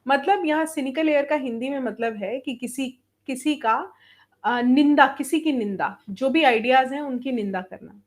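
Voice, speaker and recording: A woman teacher with a noticeably high voice and a Bihari Hindi accent runs a class. She explains an English story line by line in Hindi, moving back and forth between the two languages. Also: a little slow. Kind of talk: online class lesson.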